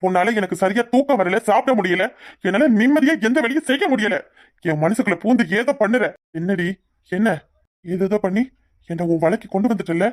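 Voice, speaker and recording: A man's voice: sits high, fairly quick, dry recording, studio quality, close to an everyday voice. A man voicing a young cartoon husband, hot-tempered, brooding over his feelings and possessive.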